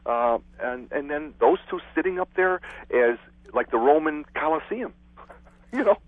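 A man's voice: on the high side, animated, a little slow, dry recording. A man from Chicago, a former city clerk, chatting frankly with a laugh as a guest over the telephone. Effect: heard over a telephone line. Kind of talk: phone interview. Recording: tinny dry phone line.

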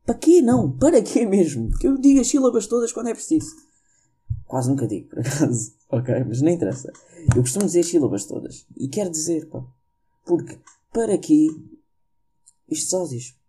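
A man's voice: a little high, big pitch swings, a little fast, pauses often, warm tone, a little hiss or hum. A man with a European Portuguese accent, rambling through a casual comedic monologue from home and mocking his own jokes. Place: at home during lockdown.

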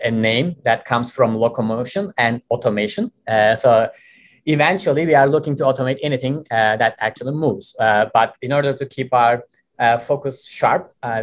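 A man from Turkey whose first language is Turkish, a guest answering interview questions in a measured way with many "uh" fillers. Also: medium pitch. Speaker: guest, company co-founder.

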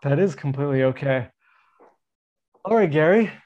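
Higher-voiced middle-aged man, natural unscripted talk. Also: animated, moderate pace, darkish tone. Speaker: podcast host interviewing a friend. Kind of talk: casual unscripted chat. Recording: dull lo-fi sound.

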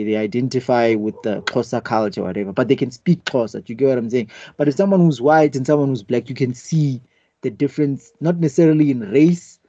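A man's voice: medium pitch, mellow, no echo, muffled recording. A man in a casual debate, hesitant and searching for words as he argues a point.

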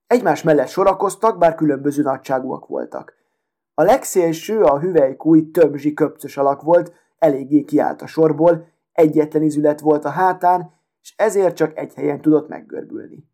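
A man's voice: fairly high pitch, mellow, lightly acted. A man playing a vain, haughty sewing needle. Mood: boastful. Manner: proud, self-important, affected.

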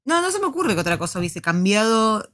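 An Argentine woman with an Argentine Spanish accent, co-hosting a live casual chat at home at a desk mic, measured and plain-spoken. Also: mid-range voice, sing-song, fairly bright tone, dry recording, studio quality. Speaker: co-host. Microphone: desk microphone.

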